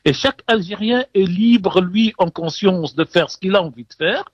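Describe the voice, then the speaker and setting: A man's voice: sits high, normal speed, no echo, muffled recording. A man giving a live radio field report as a correspondent, hesitant with many fillers but emphatic.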